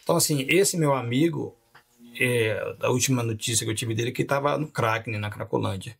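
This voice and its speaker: A man recounts his life story as a pastor on a podcast. His voice is gravelly and husky, lively in its storytelling and broken up by chuckles. He speaks in an easy, conversational way. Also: mid-range voice, fairly quick. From Rio de Janeiro. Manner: animated storyteller, laughs often.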